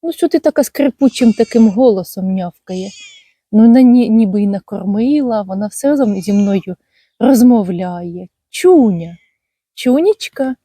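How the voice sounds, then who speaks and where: A woman strolls through her garden talking casually to her viewers, fond and chatty, with lots of little endearments. Her voice is very dark and mellow with a husky, breathy edge. It sounds close and dry outdoors. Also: mid-range voice, normal speed, dry recording. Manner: chatty and fond, full of tender diminutives. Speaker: gardening channel host. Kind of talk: casual garden walk-and-talk.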